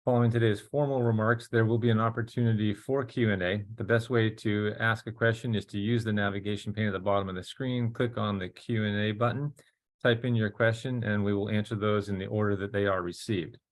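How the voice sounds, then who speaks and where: A man's voice: lowish voice, fairly even intonation. Formal male webinar moderator. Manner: measured, formal. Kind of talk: scripted introduction.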